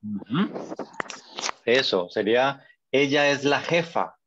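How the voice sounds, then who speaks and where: A man's voice: medium pitch, lively intonation, takes it slowly, noisy background. A man teaching a Spanish class over a video call, patient and encouraging, often checking that students follow. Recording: dull lo-fi call audio.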